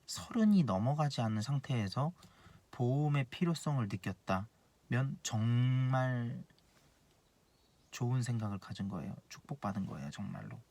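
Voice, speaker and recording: Blunt young insurance planner, plain voice. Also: male voice, mid-range voice, expressive, moderate pace, warm tone. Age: 20s. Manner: blunt, earnest, repeats key points. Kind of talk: casual advice monologue.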